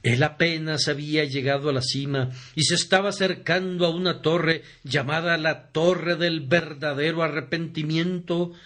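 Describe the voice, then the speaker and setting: A man reading a sermon aloud as a Spanish voice-over in an earnest, deliberate preaching manner. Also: fairly high pitch, steady tone, fairly bright tone.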